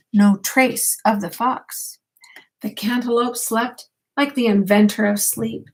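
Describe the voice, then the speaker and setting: A rough recording captures an older woman, a grandmother, telling a bedtime story to young children from a rhyming picture book. Her voice is fairly high, and she reads to them directly in an expressive, unhurried way.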